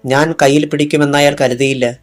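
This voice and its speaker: A man reading the part of a calm, brave young man wounded by a bullet, in an audiobook. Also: on the high side, fairly quick, faint music behind, close to an everyday voice.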